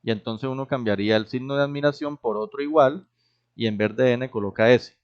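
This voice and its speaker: A man's voice: mid-range voice, brisk, clean tone. A man teaching a programming class, explaining step by step and often checking that the students follow. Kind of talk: classroom lecture. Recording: dull, lo-fi recorded class.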